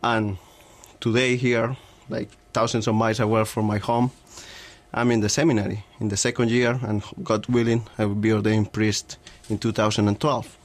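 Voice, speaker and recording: Colombian guy, lowish voice, slow careful speech. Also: little pitch movement. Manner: slow, careful, with small restarts. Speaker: seminarian guest.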